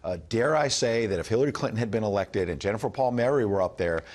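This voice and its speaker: A man's voice: lowish voice, expressive, fast talker, darkish tone. An American man giving broadcast news commentary as a correspondent, emphatic and insistent, in punchy phrases.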